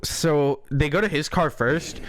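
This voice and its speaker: A man's voice: a little high, measured pace, poor audio. An American man telling a story casually on a podcast, swearing freely and acting out what people said. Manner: profane, animated retelling with acted-out quotes.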